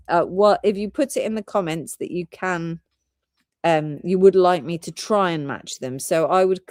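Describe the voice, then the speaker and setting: British female host for live shopping, rambling and giggly, lowish voice, dry close sound. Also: darkish tone, dry recording. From Britain. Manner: chatty, giggly, rambling product talk.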